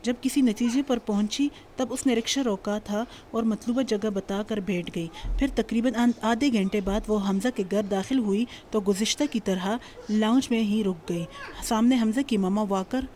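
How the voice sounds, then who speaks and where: Woman narrator, audiobook reading, mellow dark tone, faint background hiss. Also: mid-range voice. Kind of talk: scripted novel narration.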